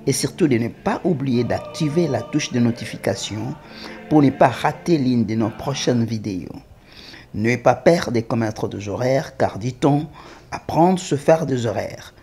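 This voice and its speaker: A man teaching French spelling, reading words slowly and spelling out syllables, with faint music behind him. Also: medium pitch, lively intonation, dark tone. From Congo (DRC). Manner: spells out syllables, slow and emphatic. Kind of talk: slow, deliberate French reading lesson.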